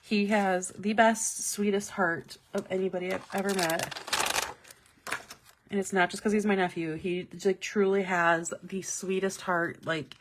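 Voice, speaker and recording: A woman hosting a casual live stream, talking excitedly and laughing often, with lots of "like" fillers. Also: lowish voice, a little hiss or hum. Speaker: planner stencil shop host. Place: office. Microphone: live-stream webcam mic.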